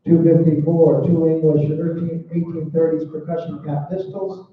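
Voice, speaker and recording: A man's voice: on the high side, flat delivery, moderate pace, a little hiss or hum. A man working as an auctioneer at a live auction, calling lots and bids in repetitive patter full of numbers. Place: large echoey auction room. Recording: echoey hall from far off, muffled phone-like sound.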